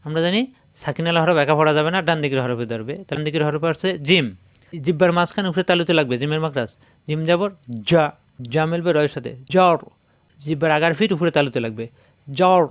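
A male teacher giving a step-by-step Quran reading lesson, slowly sounding out letters and syllables and repeating each one with explanations. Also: fairly high pitch, no room sound. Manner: slow, repetitive drilling of syllables with explanations.

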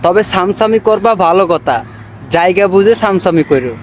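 A man's voice: sits high, lively intonation, moderate pace, a little hiss or hum. A man with a giving a mocking, scolding commentary on video clips, sarcastic and insulting.

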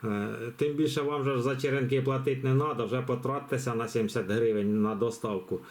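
A man, running a live giveaway for his viewers. He rambles along in an easygoing way, full of fillers and restarts. His pitch sits at an ordinary middle height for a man. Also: steady tone, fairly quick, darkish tone. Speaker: channel host running a giveaway. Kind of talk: casual live commentary.

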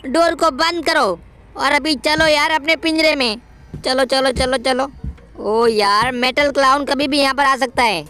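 A man voicing an excitable, jokey young male game hero in a playful gameplay voiceover, full of exclamations. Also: extremely high pitch, unhurried, heavily acted. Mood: chatty. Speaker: gameplay commentator voicing a character.

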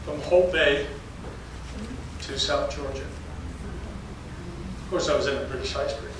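An older man, a geology professor, gives a public storytelling slide talk in a darkened lecture hall with an audience, folksy and anecdotal, chuckling between stories. His voice is mid-range at a normal speed. The very echoey hall is picked up by a distant mic with faint noise.

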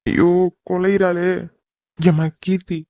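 Tamil-accented man for a cartoon dub, fast and exasperated, dark mellow tone, dull lo-fi dry recording. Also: sits high, level tone, no echo. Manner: exasperated and pleading. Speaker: voice actor in a cartoon. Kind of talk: animated cartoon dub acting.

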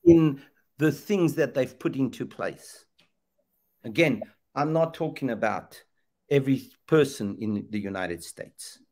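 This middle-aged man from Zambia has a medium-pitched, darkish, expressive voice and an unhurried delivery. Preaching passionately on a webcam video call from indoors, he repeats phrases and asks rhetorical questions with a preacher's emphasis.

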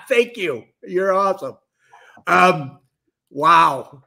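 Brief: male live-stream host, high voice, loose rambling delivery with lots of restarts. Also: measured pace. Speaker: livestream host. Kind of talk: casual live-stream talk.

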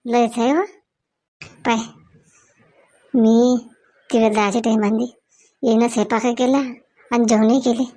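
A woman playing a bickering rural mother-in-law in a comedy sketch, speaking with quick, scolding banter. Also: fairly high pitch, little pitch movement, mellow.

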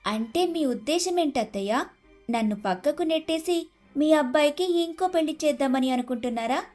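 A jealous, suspicious young daughter-in-law from an animated storybook, played by a woman. She speaks high and melodramatic, over soft music. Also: normal speed. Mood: accusing. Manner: accusing, melodramatic.

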